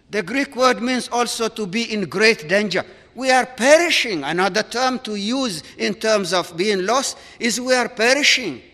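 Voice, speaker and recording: Male preacher, high pitch, slow and deliberate, repeats words for emphasis, big reverberant hall. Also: pushed and bright. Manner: earnest, repetitive emphasis, stressing single words. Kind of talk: sermon. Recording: long reverb of a large hall.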